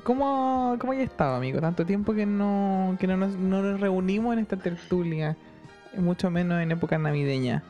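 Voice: mid-range voice, dark tone, highs cut off. A Chilean podcast co-host with a mid-range voice chats and teases, laughing easily and throwing in local slang. Faint music plays in the background. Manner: teasing, quick to laugh. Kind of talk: casual chat.

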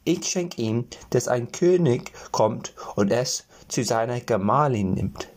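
A man voicing three little forest men in a fairy tale, speaking in a raised voice and a slow, solemn manner. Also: mid-range voice, expressive. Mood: kindly. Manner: slow, solemn gift-giving.

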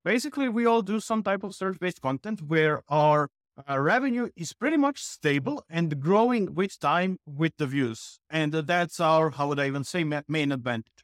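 Man, higher voice. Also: expressive, moderate pace, hardly any pauses, no echo, clean studio sound. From Serbia. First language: Serbian. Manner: explanatory, with frequent "uh" and "basically". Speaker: guest YouTuber.

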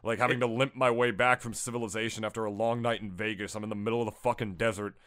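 A man's voice: fairly low pitch, fast talker, smooth, no echo. A young man co-hosting a podcast, joking crudely and mocking himself in casual banter. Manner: lively, crude, self-mocking. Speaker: podcast co-host.

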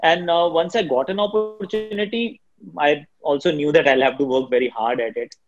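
Over music, with the high frequencies cut off, a Hindi-speaking cricket commentator from Delhi answers interview questions. His Indian-accented delivery is fast, shrill and energetic.

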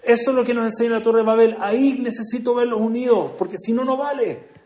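A man giving an earnest religious speech to a gathering, moving between hushed and emphatic delivery. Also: very high-pitched, quick pace. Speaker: speaker at a community prayer gathering. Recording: echoey room.

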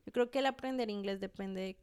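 Woman with a gravelly, curious voice. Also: medium pitch, brisk, a little mellow. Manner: curious, asks follow-up questions. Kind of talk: casual conversation.

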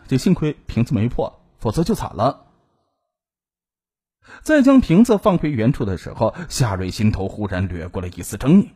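A man telling a dramatized true-crime story in an expressive way, stretching out particles at the ends of his sentences. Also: medium pitch, slightly rough.

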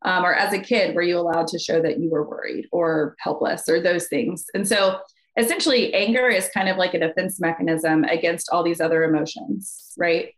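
A woman mental health counselor, a podcast guest, explaining calmly and walking through worked examples. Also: lowish voice, normal speed. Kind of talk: podcast conversation.

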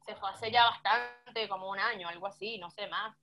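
A woman's voice: mid-range voice, normal speed, soft background music. A young woman from Venezuela with a Venezuelan Spanish accent mixed with some Argentine words, chatting casually as a guest. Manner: chatty, animated, slangy, laughs often. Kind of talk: casual chat.

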